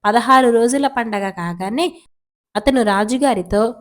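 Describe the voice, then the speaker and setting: A woman narrating folk tales from a children's story magazine in a steady, scripted reading. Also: on the high side, a little slow.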